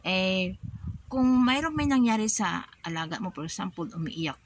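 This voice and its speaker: A language teacher for overseas workers, a woman from the Philippines with a Filipino accent, gives a casual spoken lesson. Her mid-range voice has lively intonation and a moderate pace as she patiently repeats each word and offers everyday examples.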